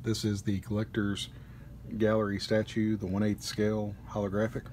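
A man casually reviewing a collectible statue at a table indoors, easygoing, with frequent pauses. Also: lowish voice, monotone, darkish tone, slight background noise.

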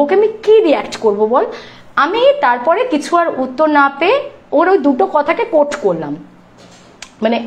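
A woman in her thirties with a Bengali accent, a YouTuber telling a story to her live audience in an animated, indignant way. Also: high-pitched. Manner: animated, indignant, acts out the people she quotes. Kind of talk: casual storytelling chat.

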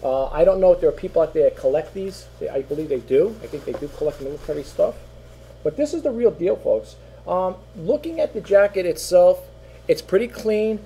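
Recorded on a desk webcam in a small home office, a middle-aged online seller casually shows off the items he has for sale. His voice sits high and dark, with brisk, lively intonation, but it's wearing thin as he loses it, and he rambles through many fillers and repeats. The low-quality recording carries slight background noise.

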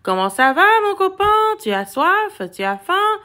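A woman voicing an eager, fussing male family dog in a storybook reading, with a lowered voice. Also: very animated, unhurried, sharp tone, exaggerated voice. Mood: doting.

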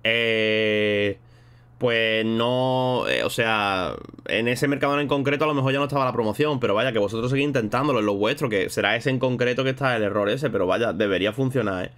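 A man's voice: medium pitch, a little fast, a bit bright. A man streaming live, chatting casually and rambling in a slangy way while thanking viewers between thoughts. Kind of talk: casual livestream chat.

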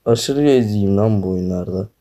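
A young man commenting on his own gameplay, groaning, swearing and complaining loudly as he plays. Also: on the low side, normal speed, noisy background. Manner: frustrated, swearing, groaning, yelping. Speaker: gaming YouTuber.

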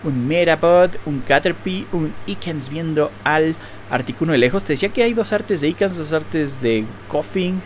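A man hosting a card-opening video, excitedly naming each card and repeating himself. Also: a little high, moderate pace, slight background noise. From Mexico. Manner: excitable, exclaims and laughs at rare pulls, repeats phrases. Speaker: card-opening channel host. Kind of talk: excited unboxing commentary.

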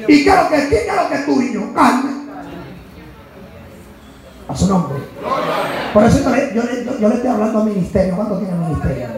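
A man preaching a sermon with a Dominican accent, impassioned, moving between hushed asides and shouted emphasis. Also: high-pitched, very animated, moderate pace, long pauses, crowd noise. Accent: Dominican Spanish. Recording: echoey hall with music behind. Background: music.

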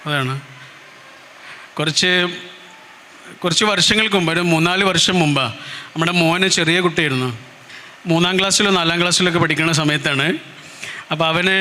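A man's voice: a little high, pushed and bright, long reverb tail, a little hiss or hum. A man giving a motivational speech, telling a personal story in an earnest, emotive way with repetitions. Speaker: motivational speaker.

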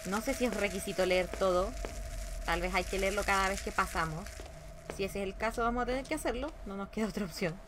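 A woman's voice: mid-range voice, brisk, noisy background. A young woman giving casual gameplay commentary, sassy and talking back to the game. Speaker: gameplay streamer.

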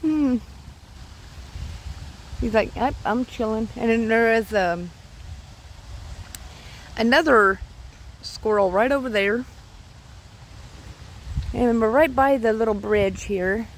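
A woman's voice: fairly high pitch, takes it slowly, long pauses, rough recording. A woman chatting casually in a rambling way as she films a walk through a park on her phone. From California. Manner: chatty, rambling, coos at animals. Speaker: vlogger. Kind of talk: casual walking vlog. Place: outdoors in a park by a creek. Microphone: phone held while filming. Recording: faint outdoor background noise.

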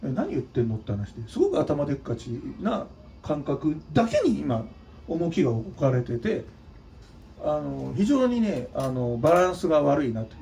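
A man's voice: fairly high pitch, huge pitch swings, normal speed, gravelly, dark tone, distant mic, soft background music. A man from Nagano, Japan, hosting his own channel, giving a blunt, scolding opinion monologue with mocking asides. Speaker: channel host and drummer.

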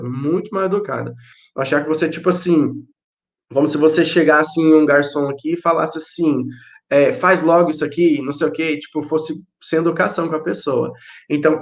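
Patient male teacher, slightly high voice. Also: highs cut off. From Brazil. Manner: patient, repetitive explaining. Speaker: English teacher. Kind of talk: online class for children.

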